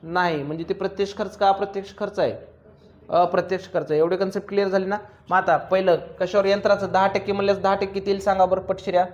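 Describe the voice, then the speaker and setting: A male commerce teacher, lecturing a class and drilling students with quick questions and teasing remarks. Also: sits high, level tone, dull audio.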